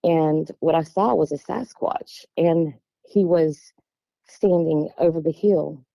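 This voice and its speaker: A woman's voice: deep voice, slow pace, gravelly, no room sound. A middle-aged woman from West Virginia with an Appalachian accent, casually telling a personal story in a plain-spoken, meandering way. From West Virginia, USA. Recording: dull, lo-fi, dry close sound.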